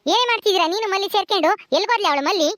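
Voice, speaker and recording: A woman's voice: very high-pitched, racing, dry recording, clean studio sound. A woman with a rural Karnataka accent plays a bossy, short-tempered mistress of a village house who nags and scolds. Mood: scolding. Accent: rural Karnataka Kannada. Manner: scolding, nagging, sharp-tongued. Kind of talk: homemade village drama.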